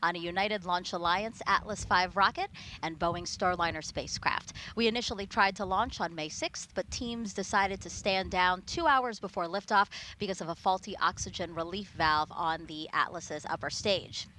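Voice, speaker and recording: Bright-voiced woman hosting a live broadcast. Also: on the low side, normal speed, poor audio. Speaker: launch broadcast host. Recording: faint ambient noise behind.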